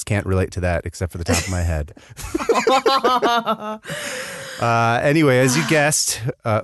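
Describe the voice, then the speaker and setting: A man's voice: low-pitched, no room sound, clean studio sound. A man hosting a casual podcast chat from inside a closet at home, joking and poking fun at himself. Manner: joking, self-mocking. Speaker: podcast host.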